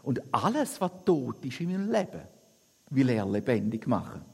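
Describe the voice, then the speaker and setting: A man's voice: medium pitch, big pitch swings, normal speed, creaky, breathy edge. A man preaching earnestly to his congregation, repeating phrases for emphasis and reading a passage aloud. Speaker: pastor. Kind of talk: sermon with Bible reading and prayer. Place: church. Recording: long reverb of a church hall.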